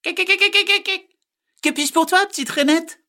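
A man doing a shrill, chattering magpie. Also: moderate pace, bright, forceful tone, heavily acted. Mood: teasing. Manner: stuttering, teasing. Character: mocking chattering female magpie.

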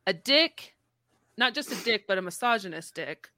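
A woman's voice: medium pitch, expressive, moderate pace, pushed and bright, no room sound, studio quality. A woman co-hosting a casual podcast chat, frank and playful, acting out quotes. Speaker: podcast co-host.

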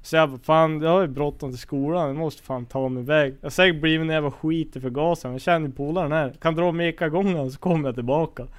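A man's voice: on the high side, fairly even intonation, hardly any pauses. A young man telling a story in casual chat, slangy and full of swearing.

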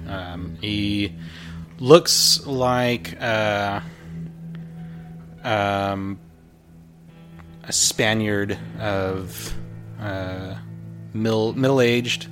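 A man narrating as game master of a tabletop game and hosting the show, in a rambling way full of pauses and fillers. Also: fairly low pitch, steady tone, music in the background.

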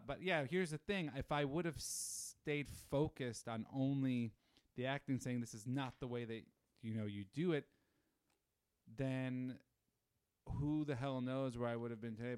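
A man's voice: medium pitch, moderate pace, smooth, no room sound, clean studio sound. Chatty man in his thirties. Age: 30s. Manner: animated storyteller with many fillers. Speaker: podcast guest. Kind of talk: casual chat.

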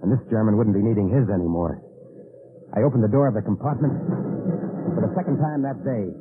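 An actor playing a weary, earnest undercover agent in an old-time AM radio drama, with clipped, haunted delivery. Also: male voice, fairly low pitch, a little fast, loud music behind the voice, lightly acted. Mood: haunted, reflective. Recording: tinny old AM radio recording.

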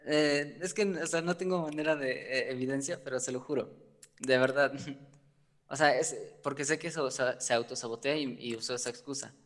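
A man's voice: medium pitch, fairly even intonation, moderate pace, a bit bright. A man who is a guest on a talk show, speaking about his feelings hesitantly, with many fillers and nervous laughs. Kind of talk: conversational personal talk. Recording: long reverb.

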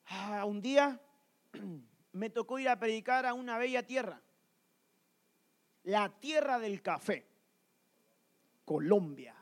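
A man's voice: sits high, expressive, slow, pauses often. A man preaching a sermon to a congregation in a church, telling stories and firing rhetorical questions at the listeners.

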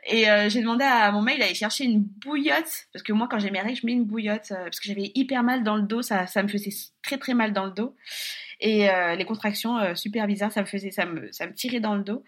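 A young woman telling a personal story in casual chat, lively, laughing often and swearing offhandedly. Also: medium pitch, fairly quick.

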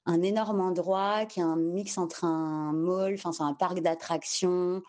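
A woman from France telling a personal story candidly on a podcast, unhurried and searching for her words, slipping English terms into her French. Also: on the low side, steady tone, darkish tone.

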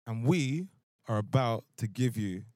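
A man's voice: mid-range voice, lively intonation, measured pace, darkish tone, dry recording. A man with a London roadman accent hosts a casual group podcast. He talks in loose, slangy street banter, recorded close and dry with little room sound. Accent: London, urban roadman. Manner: slangy street talk, calling people bruv and mandem. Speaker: podcast host. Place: in a large open stadium, on the pitch.

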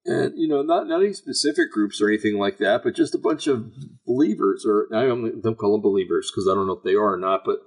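Guy with a raspy gravelly kinda low voice, folksy rambling religious commentary for his online show, stops and starts a lot. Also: fast. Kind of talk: informal religious commentary to a live audience.

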